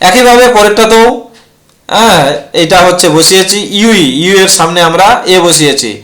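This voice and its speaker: Speaking at a moderate pace, this man has a high-pitched, fairly bright voice. He's giving a classroom grammar lesson in English, explaining rules in a repetitive way and answering his own questions.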